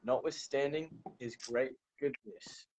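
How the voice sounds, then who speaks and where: A man reading scripture and sharing a devotional message from a chapel over a video call, his unstable internet stream breaking up and his speech halting with fillers and restarts. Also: mid-range voice, darkish tone, a little hiss or hum, poor audio. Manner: hesitant, many fillers and restarts. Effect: choppy, breaking-up internet stream audio.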